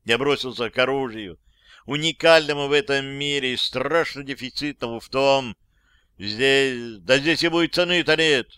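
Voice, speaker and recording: A man's voice: mid-range voice, moderate pace, sharp tone, clean tone, no echo. A man narrating a first-person audiobook in a wry, dry storytelling manner.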